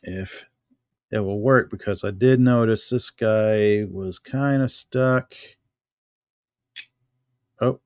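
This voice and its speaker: In this relaxed show-and-tell vlog, a middle-aged man from the United States takes his time, talking to himself while picking up and showing objects at home. He has a lowish, slightly mellow voice, captured cleanly in studio quality without any room sound.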